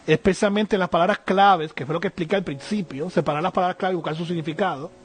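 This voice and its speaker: A man teaching the Bible on a program, earnest and hesitant, with frequent fillers and tag questions. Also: sits high.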